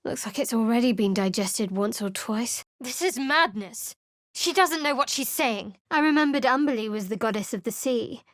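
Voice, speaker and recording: In studio voice lines for a video game, an actress plays a companion character: a guarded, sardonic young cleric with secrets. Her voice sits on the high side and is expressive, lightly acted at a moderate pace, with no echo, and her way of speaking is dry, wry and cool.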